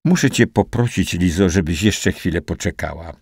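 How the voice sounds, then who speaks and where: Man as a composed male officer, low voice, husky, measured, audiobook. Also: dry recording, clean studio sound, heavily acted. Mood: calm. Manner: calm, measured.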